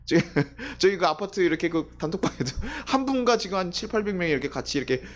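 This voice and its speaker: This pastor's voice sits high, and his delivery is rapid-fire as he preaches his Sunday sermon in the church sanctuary. Full of energy, he performs the quoted voices of the people his stories describe.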